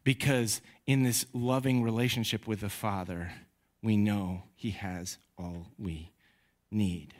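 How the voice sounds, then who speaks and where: A man in his thirties preaching a sermon on a microphone in a church, conversational and animated when he tells stories. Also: lowish voice, slow. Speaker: pastor. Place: church sanctuary. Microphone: handheld or headset mic.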